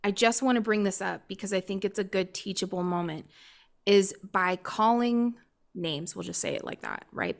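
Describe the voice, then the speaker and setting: A woman's voice: medium pitch, gravelly. Candid, laughing woman guest on a podcast. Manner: candid, animated storyteller who laughs often. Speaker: podcast guest, spiritual coach. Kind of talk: casual podcast chat.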